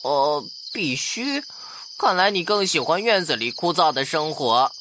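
A woman's voice: sits low, expressive, normal speed, background noise. A woman voicing a big, easygoing male field mouse in a children's audio fairy tale, self-assured, chummy and swaggering. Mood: coaxing.

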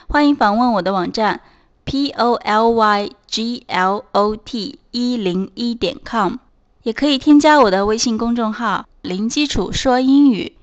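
A woman's voice: on the high side, highs cut off. A woman teaching a beginners' language lesson, spelling out words and patiently repeating example phrases. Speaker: English teacher. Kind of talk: slow scripted language lesson.

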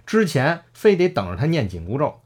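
A man's voice: fairly high pitch, huge pitch swings, fairly quick, slightly rough. A man casually retelling a classic story, acting out the characters' lines and laughing often.

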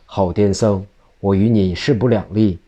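A boastful, evil old Taoist demon speaks in a low, dark voice full of scorn, put on by a male storyteller. He threatens his enemy with proud certainty. It is a storybook villain from a traditional tale. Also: steady tone, normal speed, muffled recording, close to an everyday voice. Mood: haughty.

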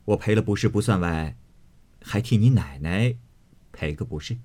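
A man voicing a meek, apologetic young nobleman who talks softly and ingratiatingly, in a husky voice. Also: on the low side, expressive, moderate pace. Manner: meek, ingratiating, soft-spoken with chuckles.

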